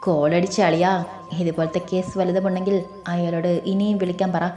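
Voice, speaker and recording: A woman voicing an excitable young man who teases his friend, recorded in a roomy space with faint music. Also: fairly low pitch, brisk, natural voice. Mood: teasing. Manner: teasing, excitable.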